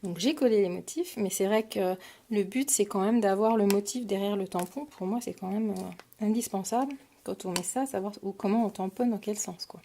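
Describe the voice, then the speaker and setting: A French crafting vlogger shows off her craft supply haul on camera, speaking casually with lots of hesitations and fillers. Her voice is warm and medium-pitched at a normal speed, with a little background noise.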